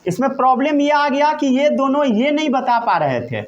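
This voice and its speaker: Male teacher, high and animated, slow deliberate delivery, constantly checks comprehension. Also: muffled recording. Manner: repeatedly checks understanding with short questions; slow, emphatic dictation of key terms. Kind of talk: classroom lecture.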